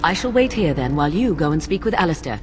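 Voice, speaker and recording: An actress voicing a cool, persuasive young witch in a fantasy game, speaking in formal, archaic, measured phrases. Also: low voice, big pitch swings, faint music behind. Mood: guarded, composed. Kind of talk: dramatic fantasy game dialogue.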